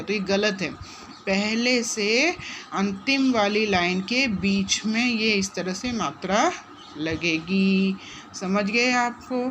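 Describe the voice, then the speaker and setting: A woman teaching a phonics lesson to young children, gently repeating and drawing out syllables and asking the class questions. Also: mid-range voice, a little hiss or hum. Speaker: primary school teacher.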